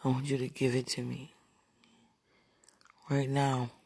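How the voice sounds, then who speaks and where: Husky creaky woman murmuring into a phone. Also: extremely low pitch, flat delivery, measured pace, darkish tone, dry recording. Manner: breathy, sighing, drifts between murmurs and whispers. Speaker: partner leaving a voice message. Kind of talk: intimate late-night voice message. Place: lying in bed at home. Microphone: phone held right at the mouth.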